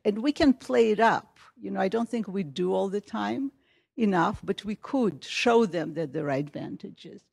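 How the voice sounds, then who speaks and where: A woman's voice: medium pitch, vocal fry, dark tone, slightly rough. A middle-aged woman giving a plenary lecture at an academic conference, talking conversationally with restarts and fillers. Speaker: conference speaker. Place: conference hall.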